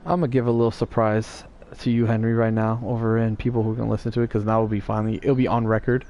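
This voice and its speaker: A man's voice: fairly low pitch, flat delivery, fast talker, warm tone. A man streaming live, chatting casually and teasing his viewers in a rambling way.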